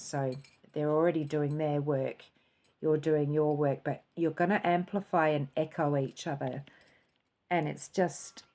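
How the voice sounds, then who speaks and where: A low-pitched, creaky-voiced woman gives a soft, musing spiritual reading using tarot and a cup, now and then falling into a calm, hushed tone.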